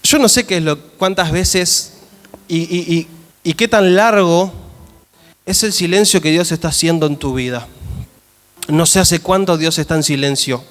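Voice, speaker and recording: A man's voice: on the high side, unhurried, a bit bright. A man pastor with a Rioplatense Spanish accent, preaching an emphatic sermon and asking the congregation questions in a church hall. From Argentina. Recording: long church-hall reverb.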